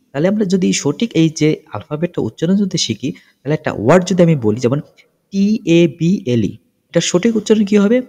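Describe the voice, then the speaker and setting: Lively man teaching with echo. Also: on the high side. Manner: lively, repeats examples with check-in questions. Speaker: English teacher. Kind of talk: explanatory lesson, mixing in English phrases.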